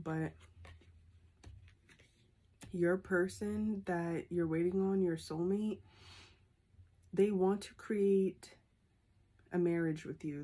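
A young woman reads tarot for her phone camera, held at arm's length in a small room, sounding stuffy from a sinus infection. Her voice sits on the low side and is mellow, and she keeps ending her points with a questioning "okay?"

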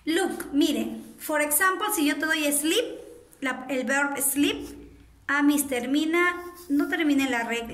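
Slow, high-voiced teacher in echoey room. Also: female voice. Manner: drills word pairs, checks in with frequent "ok?". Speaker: primary school English teacher. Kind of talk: slow bilingual grammar lesson, spelling words aloud.

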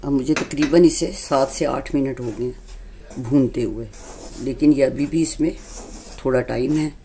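A woman hosting a home cooking demonstration, explaining each step calmly and patiently. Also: extremely low pitch, a little slow, a little hiss or hum. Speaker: cooking channel host. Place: home kitchen.

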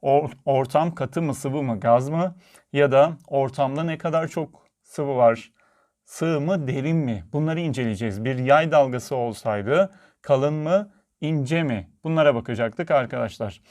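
A man's voice: medium pitch, a little slow, darkish tone. A man teaching a physics video lesson, friendly and talking straight to his viewers as friends.

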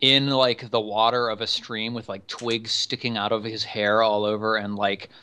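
Casual game master, bright tone, filler-heavy narration. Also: male voice, fairly low pitch, little pitch movement, normal speed, clear, resonant tone.

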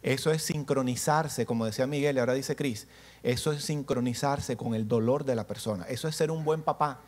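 A man preaching to a church congregation, animated, asking the listeners questions and acting out little scenes as he teaches. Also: mid-range voice, a little fast. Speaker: pastor.

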